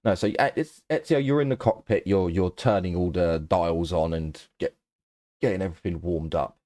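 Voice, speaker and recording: A man narrating a tabletop game as game master, unhurried and full of um fillers. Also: low-pitched, mellow, no room sound, clean studio sound.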